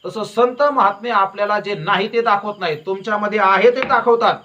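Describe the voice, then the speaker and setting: High, bright-voiced man preaching emphatically. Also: brisk, highs cut off. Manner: emphatic and repetitive, with folksy storytelling. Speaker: devotional preacher. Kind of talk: devotional sermon.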